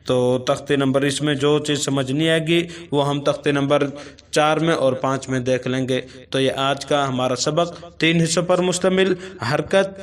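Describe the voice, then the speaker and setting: A man with a Pakistani accent teaching Quran reading, spelling out syllables slowly in a chanting tone. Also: a little high, steady tone.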